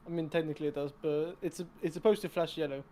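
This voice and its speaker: Chatty young man, mellow voice. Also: fairly high pitch, steady tone, fast talker, slight background noise. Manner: rambling, self-deprecating, with restarts. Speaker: game developer co-host. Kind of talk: casual chat over gameplay.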